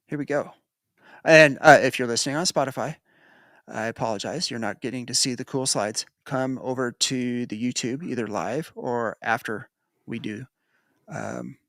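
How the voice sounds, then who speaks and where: A man's voice: mid-range voice, a bit bright, no echo, studio quality. A man from the United States hosting a casual sports betting podcast, rambling and correcting himself as he goes. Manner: rambling, self-correcting, chuckles. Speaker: podcast host.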